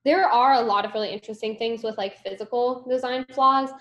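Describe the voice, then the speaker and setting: Over a laptop video call from a room at home, a young woman instructor leads a workshop discussion. Her voice is a little high and fairly even, her pace fairly quick, and she keeps things moving upbeat with "cool" and "great." The audio is dull, with an echoey room.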